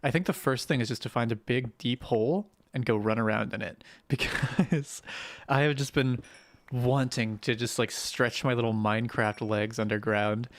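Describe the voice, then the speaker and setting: A young adult streamer with a roughed-up, hoarse voice, chatting casually and swearing freely while playing and talking to viewers, speaking gently to spare the voice. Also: mid-range voice, normal speed, no echo. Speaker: game streamer. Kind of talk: casual live-stream gameplay commentary.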